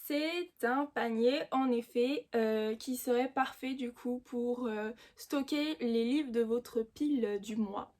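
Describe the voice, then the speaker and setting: A woman's voice: a little high, slow pace, hardly any pauses, darkish tone. A woman hosting her book channel, chatting casually through an unboxing with frequent hesitant fillers. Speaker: booktube host.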